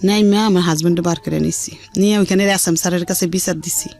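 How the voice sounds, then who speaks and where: With music behind her, a middle-aged radio guest talks openly about her life, quoting and performing other people's words. She speaks quickly in a lowish voice with a colloquial Dhaka Bengali accent, and the telling is earthy, unrefined and animated.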